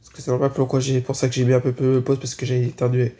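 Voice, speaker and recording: Somewhat sick and sneezing, the Minecraft tutorial maker walks through a casual build hesitantly, with "voilà" and "on continue" recurring as fillers. Delivery is completely flat and fast, in a mid-range, dark-toned voice.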